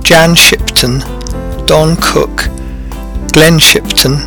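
A man narrating and reading credits in a measured, scripted way. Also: a little high, fairly even intonation, creaky, over music.

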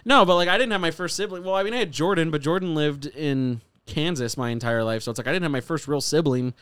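A young adult man chatting casually as a podcast co-host, a talkative, animated storyteller who swears freely. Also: on the high side, quick pace, clean tone. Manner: animated storyteller, profane, talkative, acts out quotes.

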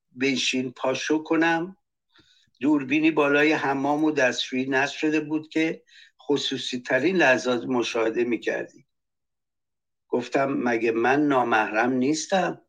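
A man speaking on a political talk show, reading testimonies aloud and denouncing with anger. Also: mid-range voice. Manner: impassioned, reads testimonies aloud; angry, denouncing. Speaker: panelist.

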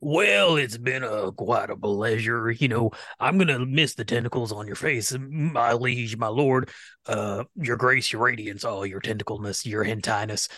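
A man plays a nervous adventurer in a tabletop game, obsequious and rambling. The sound is close and dry, the pitch middling. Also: moderate pace, bright, forceful tone, no echo. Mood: nervous flattery. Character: nervous, flattering adventurer backing away politely.

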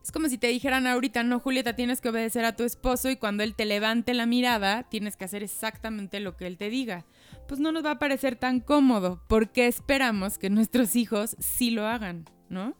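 A woman's voice: on the high side, fairly even intonation, a little fast, clear, resonant tone, faint music behind. A woman, a therapist co-hosting a casual conversation, reflective and thinking aloud as she talks.

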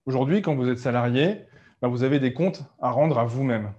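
A man giving a casual, conversational talk on starting a business, full of fillers and quick self-corrections. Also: medium pitch, darkish tone, lo-fi sound. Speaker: entrepreneurship coach. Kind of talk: casual explanatory talk to camera.

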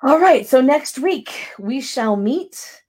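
A woman's voice: sits high, animated, takes it slowly, darkish tone, breathy edge. A woman therapist co-hosting a chat show, speaking in a supportive, wry way. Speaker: therapist and co-host. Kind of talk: casual conversation.

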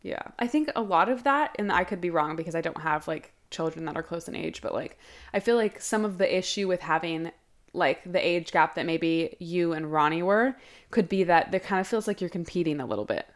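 A woman's voice: lowish voice, animated, fairly quick. A young woman co-hosting a podcast in casual chat, talkative and swearing freely. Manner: chatty, swears casually, lots of "like". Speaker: podcast co-host.

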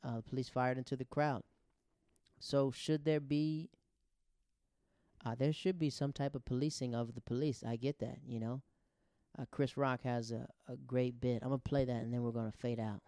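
Speaking as host of a show, a man who grew up in the Netherlands and Japan muses casually about social issues, often acting out quoted comments. His medium-pitched voice is flat and mellow at a moderate pace, with a clean tone in a dry, studio-quality recording.

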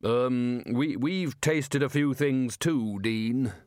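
A man's voice: medium pitch, slow, darkish tone, no echo, clean studio sound, close to an everyday voice. A man voicing a hesitant, stammering male wizard lecturer.

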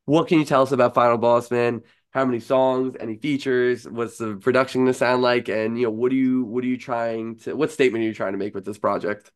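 A man's voice: mid-range voice, steady tone, fairly quick, few pauses, clear, resonant tone. A man hosting a casual interview podcast like a frat bro, full of hype, slang and casual swearing. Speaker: podcast host.

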